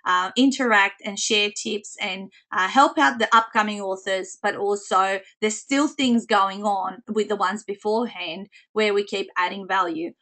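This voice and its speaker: A woman with a slightly squeaky voice presenting an informal online coaching call in a chatty way. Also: unhurried, few pauses, bright, forceful tone, rough recording.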